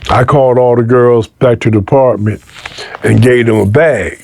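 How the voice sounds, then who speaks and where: A man with a creaky, mid-range voice and moderate pace recounts a story in an interview. He's relaxed and street-slangy, bringing the retelling to life by performing each line of dialogue.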